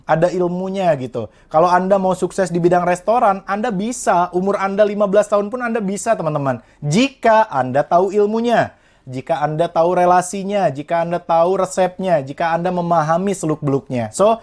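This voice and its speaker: A man's voice: high-pitched, brisk, a little mellow. A man in his twenties from West Java, a young entrepreneur guest telling his life story in an earnest, motivational way and speaking straight to the listeners. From Indonesia, West Java. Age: 20s. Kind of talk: motivational interview talk.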